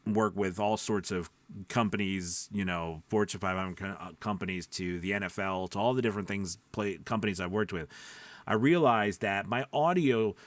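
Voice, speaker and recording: A man with a fairly low voice speaks at a moderate pace in a dry recording. Acting as a voice-over coach, he gives an informal talk to camera, explaining things step by step, repeating points and checking in with listeners.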